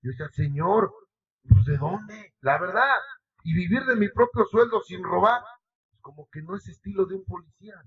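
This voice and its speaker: A middle-aged Mexican man preaches in a church, swinging between loud bursts and soft, close asides. His voice sits high and a little husky. It is heard from a distance on a muffled recording. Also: lively intonation, brisk. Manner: emotional, conversational preaching with sudden rises and drops in loudness. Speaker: lay preacher. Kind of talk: sermon.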